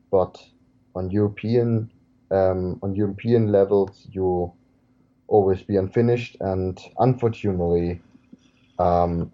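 A man giving his opinions on a casual football podcast in measured, slightly formal phrasing. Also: deep voice, muffled recording. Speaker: podcast co-host. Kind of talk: casual sports chat.

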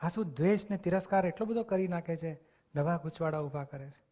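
Speaking a little fast, a man explains spiritual teachings in an earnest way, occasionally acting out short snippets of dialogue. His voice is slightly high for a man, and the recording sounds dull and lo-fi.

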